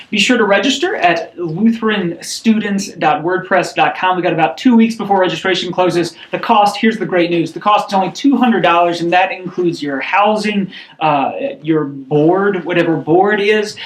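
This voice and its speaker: Male host, dry deadpan delivery, slightly high voice, roomy sound. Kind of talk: casual chat and promo announcement.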